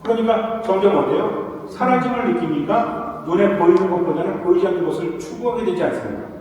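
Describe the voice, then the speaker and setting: A man's voice: sits high, brisk, a little mellow. A man from South Korea, a priest giving a sermon-style talk to his parish, often asking the audience questions and answering them himself. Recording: echoey hall recorded from far off.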